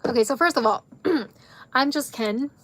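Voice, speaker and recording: A woman reviewing a film talks casually to camera at normal speed, her fairly high, somewhat bright voice fading and a little hoarse because she's losing it. She's chatty and rambling, jumping between tangents and leaning on fillers like "like" and "um".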